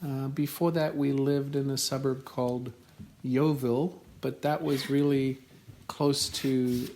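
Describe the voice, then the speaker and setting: South african guy in his 40s talking real slow, careful answers. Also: medium pitch, level tone, a little mellow. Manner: slow, careful, spells words out. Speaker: podcast host being interviewed by his daughter. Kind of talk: casual interview answers.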